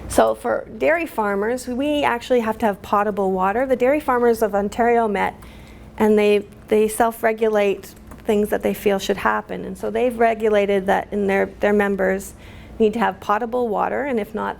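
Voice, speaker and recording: A woman speaking at a public talk, halting and emotional, with many fillers, recorded with faint room ambience. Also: medium pitch, steady tone, vocal fry, a little mellow, slight background noise. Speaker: community activist speaker.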